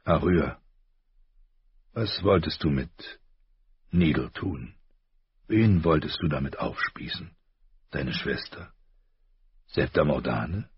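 A man voicing a grave, gentle noble father in an audiobook, slow, soft-spoken and weighty, with a husky voice. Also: rumbling low, lively intonation, no echo, highs cut off, heavily acted. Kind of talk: audiobook character voice.

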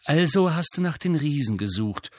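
A man voicing an earnest teenage boy in an audiobook, quick and insistent. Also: on the high side, expressive, dry recording, clean studio sound, pitched above the performer's own voice. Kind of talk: audiobook character voice.

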